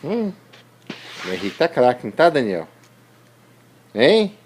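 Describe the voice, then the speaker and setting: A man's voice: medium pitch, wildly swooping pitch, a little slow, slight background noise. A father at home chatting playfully with his small sons, slipping into baby talk as he coaxes them to repeat words. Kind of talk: casual home video.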